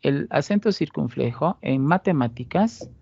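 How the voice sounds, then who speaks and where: Speaking unhurriedly with lively intonation, a Bolivian statistics teacher from Cochabamba has a fairly high, darkish, breathy voice with vocal fry. His recorded lecture explains things step by step, with rhetorical questions and many "¿listo?" check-ins, in muffled audio with no room sound.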